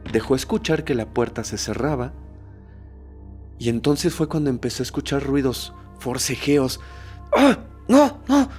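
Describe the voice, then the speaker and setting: A man hosting a horror podcast, telling a story in a suspenseful way, dropping to a hush and rising again. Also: mid-range voice. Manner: suspenseful, shifts between hushed and raised tones.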